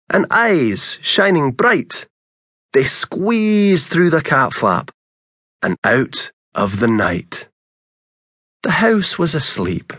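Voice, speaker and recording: A man's voice: mid-range voice, a bit bright, no echo. A man narrating a children's rhyming audiobook in a rhythmic, sing-song way, close to a studio mic.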